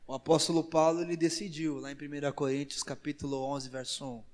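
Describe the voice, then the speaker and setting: A man with a Brazilian Portuguese accent preaching a sermon as pastor, in slow emphatic phrases that rise to loud exclamations. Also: on the high side, level tone. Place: large church hall. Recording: church hall with long reverb.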